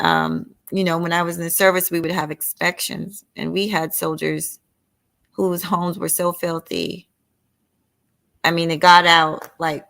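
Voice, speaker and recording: A woman's voice: lowish voice, creaky, a bit bright. A middle-aged woman hosting a casual late-night livestream. She talks straight to her viewers, reads their comments aloud and gives firm opinions. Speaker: livestream host.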